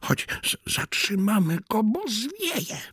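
A shrill young poet, hot-headed and suspicious, pushing his voice well above its usual depth, as a man reads him out. The lines come in urgent, hoarse half-whispers, recorded close and dry. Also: big pitch swings, slow pace, a bit bright, no room sound, heavily acted.

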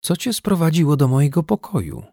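A man's voice: a little high, very animated, brisk, vocal fry, no echo, studio quality, voice pushed up, exaggerated voice. A man voicing a shaken young student. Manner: urgent shouting, then breathless and shaken.

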